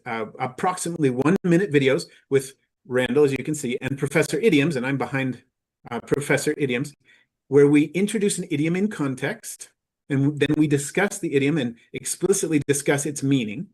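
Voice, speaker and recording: Measured male conference presenter. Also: mid-range voice, a little mellow. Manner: measured, explanatory, with frequent "uh" fillers. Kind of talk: presentation to teachers.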